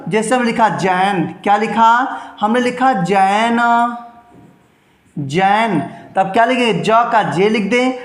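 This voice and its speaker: Man teaching grammar in an echoey room. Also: high voice. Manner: asks himself rhetorical questions and answers them, repeats "understand"; drawls out words slowly to show their sounds. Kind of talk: online Hindi-medium grammar lesson.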